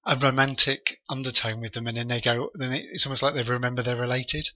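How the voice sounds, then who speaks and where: A man's voice: medium pitch, little pitch movement. A man co-hosting a podcast, chatting playfully about an old film and joking with his partner. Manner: playful, jokey, quick to agree. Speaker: podcast co-host. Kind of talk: casual film discussion. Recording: dull lo-fi podcast audio.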